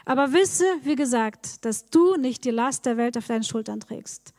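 A woman's voice: a little high, lively intonation, moderate pace, darkish tone, dry recording, clean studio sound, long reverb tail. A woman preaching a sermon, speaking straight to her congregation with encouraging words and frequent repetitions. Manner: encouraging, addresses the congregation directly, repeats words.

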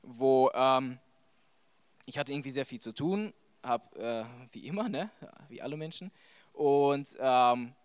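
A young adult man giving a conversational sermon to a church audience, animated and full of fillers. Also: mid-range voice, a little slow, smooth, no room sound. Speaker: preacher.

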